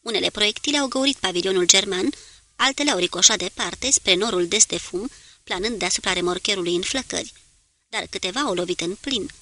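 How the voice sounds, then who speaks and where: Bright-toned woman narrating an audiobook. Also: mid-range voice, no echo. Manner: steady, measured storytelling.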